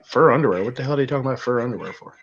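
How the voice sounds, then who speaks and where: A man's voice: medium pitch, very fast, husky. Guy on a live stream, chatty and rambly, laughs a lot, kinda dull lo-fi sound. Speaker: livestream co-host reading chat. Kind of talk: casual chat.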